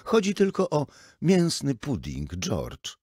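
A man reading an audiobook and voicing a middle-aged wife who placates her family in a hurried, lifted voice. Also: wildly swooping pitch, a little mellow, slightly rough, no echo, studio quality, exaggerated voice. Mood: placating. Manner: soothing, raised pitch.

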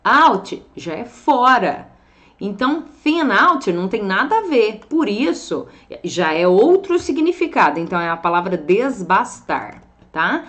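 A woman's voice: mid-range voice, sing-song. A Brazilian woman teaching English vocabulary, pronouncing words carefully and often checking in with her students. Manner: slow, careful, drawn-out pronunciation of English words; frequent check-ins like "tá bom?" and "ó". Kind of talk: vocabulary lesson.

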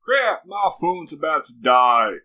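Slow, bright-voiced male game commentator. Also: very animated, husky, rough recording. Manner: reads the game's lines aloud in a put-on low "sexy voice". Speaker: gaming commentator. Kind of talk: let's play commentary.

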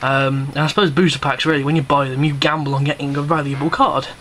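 A man's voice: on the high side, flat delivery, fast talker, fairly bright tone, slight background noise. A man giving rambling, cheeky unboxing commentary on camera, a bit out of breath. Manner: rambling, chatty, cheeky and self-mocking. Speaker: YouTuber. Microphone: camera mic.

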